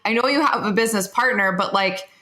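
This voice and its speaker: A woman's voice: mid-range voice, quick pace, pushed and bright. A woman podcast host chatting in an enthusiastic, supportive way. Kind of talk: casual interview chat. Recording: roomy echo.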